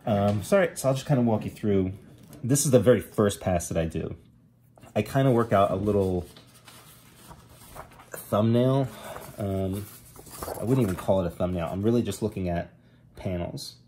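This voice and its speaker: Middle-aged New Jersey man, deep voice, casual tutorial talk with ums, faint room hiss behind. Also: moderate pace, long pauses. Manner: relaxed, rambling, with many ums and restarts. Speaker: comic artist.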